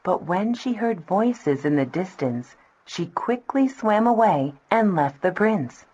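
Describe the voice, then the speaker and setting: A woman narrating a children's storybook in a slow, gentle, clear reading. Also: fairly low pitch. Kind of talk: scripted storybook narration for kids. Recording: dull lo-fi with soft music.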